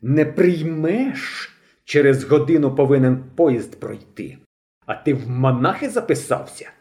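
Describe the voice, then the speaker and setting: A cruel bandit chief snarls his threats in a storybook reading, put on by a man reading aloud. The voice is dark and mellow, and the manner stays harsh and menacing. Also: medium pitch, moderate pace, lightly acted.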